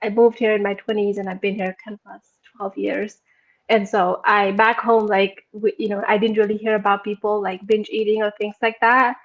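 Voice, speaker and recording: A woman's voice: mid-range voice, level tone, moderate pace, muffled recording. A woman in her thirties from Nepal, a guest talking casually about her personal transformation, laughing often and filling with "like". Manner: giggly, frequent laughter, many fillers. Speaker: program participant, guest. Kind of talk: casual conversational testimonial.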